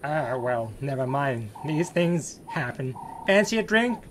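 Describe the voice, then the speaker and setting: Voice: medium pitch, very animated, measured pace, noisy background. An actor with a British accent playing a mild, wry vicar who has given up on religion for the free wine. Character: disillusioned boozy male vicar.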